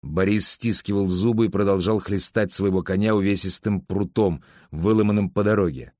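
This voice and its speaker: A man reads an audiobook with a lowish voice and a steady, even delivery. The sound is dry and close to the mic, with no room around it. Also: moderate pace, no room sound. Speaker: narrator. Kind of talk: audiobook narration.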